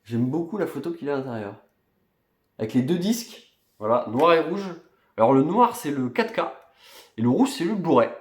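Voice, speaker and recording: A man's voice: on the high side, expressive, normal speed, reverberant. A man casually showing off his film collection, chatty and rambling, with many fillers and restarts. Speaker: collector vlogger. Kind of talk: casual unboxing show-and-tell.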